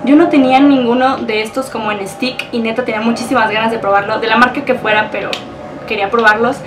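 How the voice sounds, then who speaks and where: A woman's voice: on the high side, steady tone, fast talker, distant mic, noisy background. A young woman with a Mexican accent, gushing and emotional as she unboxes a package for her vlog. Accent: Mexican Spanish. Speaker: beauty vlogger.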